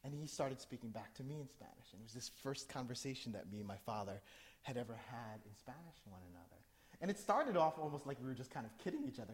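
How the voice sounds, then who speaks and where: A middle-aged man from New Jersey, USA, with a mid-range voice talks conversationally with a live audience and asks them questions, then performs a spoken word poem with rising intensity. This live poetry reading has slight background noise.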